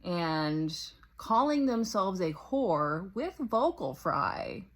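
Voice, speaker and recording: A woman's voice: on the low side, sing-song, drawn-out words. A woman in her thirties doing sarcastic, profane reaction commentary on a video clip. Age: 30s. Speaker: commentary host.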